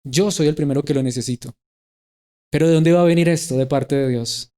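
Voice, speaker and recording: A man's voice: fairly high pitch, fairly quick, mellow, clean tone. A middle-aged man preaching a sermon in a church. He asks his listeners question after question and acts out the voices of people he quotes.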